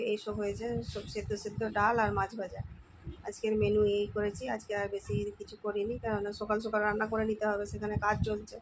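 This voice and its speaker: A woman with a West Bengal Bengali accent chatting casually at home in a daily vlog, her voice slightly hoarse, often trailing off as she talks. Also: mid-range voice, slight background noise, low-quality recording. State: voice going hoarse from the heat. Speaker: housewife vlogger. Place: at home, indoors.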